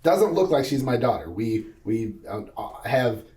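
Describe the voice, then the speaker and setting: A man's voice: mid-range voice, very animated, unhurried, dark tone, far from the mic. A man on a business panel telling a personal story in an earnest, vivid way, acting out each voice of the conversation. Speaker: panel guest. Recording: roomy sound from off mic.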